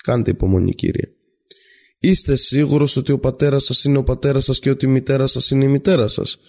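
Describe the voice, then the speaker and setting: A man voicing a calm young student debater. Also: mid-range voice, gravelly, close to an everyday voice. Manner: measured, patient, then gently persuasive.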